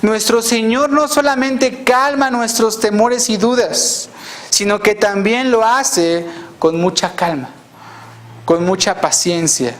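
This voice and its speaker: A male pastor preaching an earnest, reflective sermon, asking rhetorical questions and dropping to a soft hush on key phrases. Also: high-pitched, slow.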